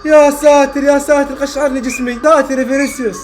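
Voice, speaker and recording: A young man reacting live to a football match, exclaiming and repeating phrases, shouting at goals. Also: very high-pitched, level tone, fast talker, faint music behind. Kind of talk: excited live reaction commentary.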